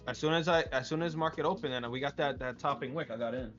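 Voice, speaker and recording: A man's voice: mid-range voice, fast, a bit bright. Man, casual trader on a call, brash, curses freely, dull audio with faint music. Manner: brash, swears freely, rambling restarts. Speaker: trader on a live stream. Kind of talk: casual trading chat.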